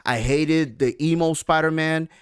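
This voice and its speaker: A man co-hosting a podcast over an online call, ranting in an animated, profane, heated debate. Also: on the high side, unhurried, clear, resonant tone. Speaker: podcast co-host. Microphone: online call with lagging connection.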